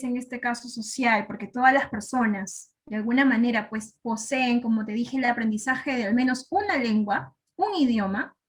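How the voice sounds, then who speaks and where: A woman teacher explains things patiently in the classroom, frequently pausing with tag questions to make sure her students follow. Her voice is on the high side and a bit bright.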